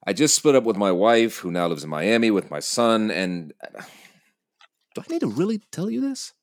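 A man acting as a frazzled airline customer at the end of his patience in a comedic drama. His lowish voice swings widely as he stammers, halting and exasperated. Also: wildly swooping pitch. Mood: anxious, pleading. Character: anxious, frazzled divorced male airline passenger at breaking point.

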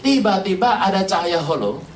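Animated preacher in a roomy hall. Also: mid-range voice, moderate pace. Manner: animated, rhetorical questions to the congregation, jokes. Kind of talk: lively humorous sermon. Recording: roomy, from a distance.

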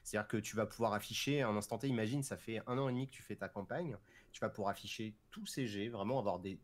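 Relaxed man explaining with fillers. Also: on the low side, fast. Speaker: developer of a role-playing tool. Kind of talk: casual interview chat.

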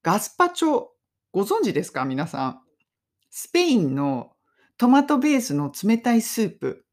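Lively chatty woman teaching English phrases. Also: mid-range voice. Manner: chatty and upbeat, laughs often, slow English drills. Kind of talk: casual podcast lesson.

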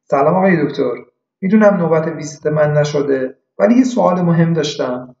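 A woman's voice: low-pitched, vocal fry, warm tone, voice pushed up. A man doing an earnest young woman patient. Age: young adult. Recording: echoey room, dull lo-fi.

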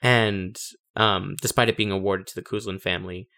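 Fairly low-voiced man in casual commentary. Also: fairly even intonation, moderate pace, pushed and bright. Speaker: co-host of a game playthrough discussion.

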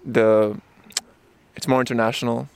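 His delivery is flat and a little slow, the medium-pitched voice gravelly yet smooth. The Japan-born man in his twenties, who grew up in Luxembourg and Barcelona, chats casually as an interview guest in a park, with plenty of fillers and restarts.

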